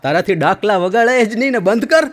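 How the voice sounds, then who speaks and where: A man voicing a blustering police constable who scolds loudly, with a long hall echo. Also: sits high, animated, brisk, voice pushed up. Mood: scolding. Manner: scolding, loud.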